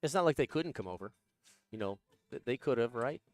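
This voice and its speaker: A man co-commentating on a sporting event, terse and steady, reeling off scores and quick affirmations. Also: mid-range voice.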